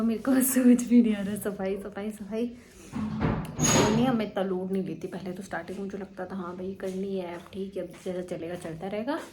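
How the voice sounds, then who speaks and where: A young woman narrating her day in a casual home vlog, chatty and rambling with quick asides, recorded on a handheld phone in a village house. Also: medium pitch, darkish tone, a little hiss or hum. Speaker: vlogger.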